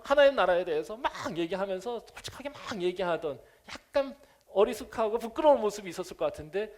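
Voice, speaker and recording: Male pastor, Sunday sermon, fairly high voice, very expressive pitch, chuckling, church. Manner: animated, chuckles often, acts out quotes.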